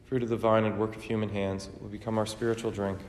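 A man's voice: lowish voice, little pitch movement, quick pace, darkish tone. A man acting as priest, solemnly intoning liturgical prayers in a large church with long cathedral-like reverb. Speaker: priest celebrating Mass. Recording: roomy church hall echo, faint noise.

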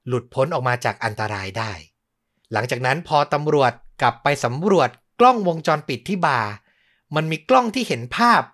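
A man's voice: mid-range voice, very animated, fairly quick, a bit bright. A man hosting a podcast, telling a true-crime story in a conversational way and adding his own comments.

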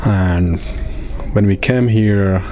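A man from Afghanistan, giving halting personal testimony in an interview, with many pauses and restarts. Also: low-pitched, warm tone, slight background noise. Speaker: interviewee, refugee in a camp.

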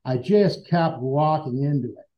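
On a dull, lo-fi recording, a man with a voice on the high side talks at a measured pace. He's a guest being interviewed, relating a personal story earnestly and conversationally while voicing the remembered dialogue.

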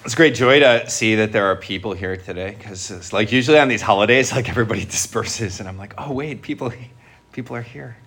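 Low-voiced male priest addressing a congregation. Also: fast, few pauses, a bit bright. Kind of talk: Gospel reading and homily to a congregation. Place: church, speaking before a congregation.

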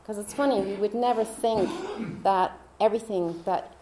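A woman telling a personal faith story in a chatty way, laughing often and dropping into soft whispers. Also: mid-range voice, moderate pace, echoey room, a little hiss or hum. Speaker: speaker.

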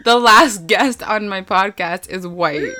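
A woman's voice: medium pitch, animated, slow, sharp tone. A young woman from Canada, hosting a podcast in a casual, chatty way and often quoting people in mock voices. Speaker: podcast host. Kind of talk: casual chat.

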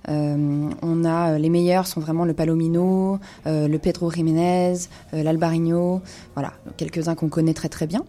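A woman's voice: low voice, little pitch movement, moderate pace, warm tone. A woman presenting a weekly radio column on wine, speaking in a studio with frequent hesitations and fillers.

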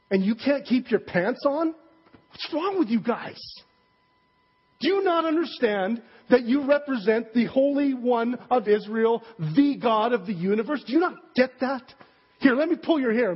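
A preacher acting out an exasperated scolding leader. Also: male voice, extremely high pitch, husky, heavily acted. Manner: exasperated, scolding, blunt slangy rebukes. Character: angry male leader scolding his men. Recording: dull recording with long hall reverb.

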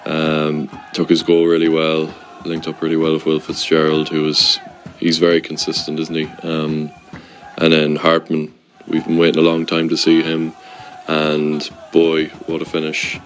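A man with a west of Ireland accent gives an informal football fan's match reaction, pausing often mid-thought. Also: rumbling low, monotone, a little hiss or hum, low-quality recording. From Sligo, west of Ireland. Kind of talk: informal spoken match review.

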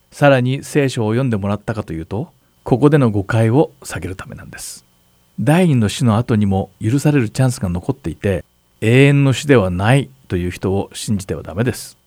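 A man serving as pastor, calmly explaining scripture in a Bible question-and-answer talk. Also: mid-range voice, dry recording. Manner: calm, explanatory, asks partner to read verses. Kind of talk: Bible Q&A teaching.

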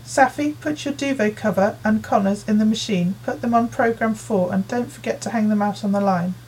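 A woman reading as a brisk nagging mum. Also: medium pitch, a little mellow, slight background noise, natural voice, poor audio. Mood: bossy. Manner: nagging, brisk, giving lists of chores. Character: busy, fussing working mother in her forties. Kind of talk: audiobook character voice.

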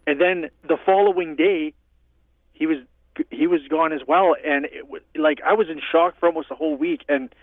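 Male guest musician, high-ish voice, tinny phone line, easygoing rambler. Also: steady tone, normal speed, no echo. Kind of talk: casual interview chat. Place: home in northern Canada.

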